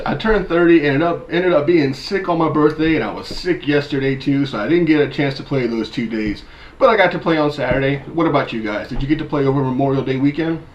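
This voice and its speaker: A man's voice: medium pitch, highs cut off. Chatty man in his thirties, echoey room. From mid-Michigan, USA. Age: 30s. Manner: chatty, upbeat, addresses viewers directly. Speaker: disc golf channel host. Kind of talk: casual weekly news vlog.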